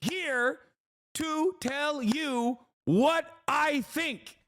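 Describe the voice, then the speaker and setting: A man parodying a woman who lectures her audience with slow, drawn-out, preachy delivery. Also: extremely high pitch, fairly bright tone, voice pushed up, heavily acted. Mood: mock-earnest.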